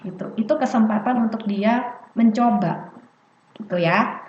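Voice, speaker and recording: Casting note: woman presenter, fairly high voice, chatty seminar delivery, echoey dull video-call audio. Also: measured pace. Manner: chatty, often ends points with "gitu". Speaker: speech development presenter. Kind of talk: online parenting seminar talk.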